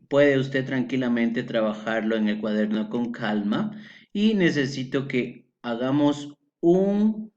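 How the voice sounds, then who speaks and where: Slow bilingual teacher. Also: male voice, medium pitch. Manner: slow, mixes English and Spanish, repeats words for drill. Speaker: English teacher. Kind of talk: recorded online class. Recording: slightly dull lo-fi audio.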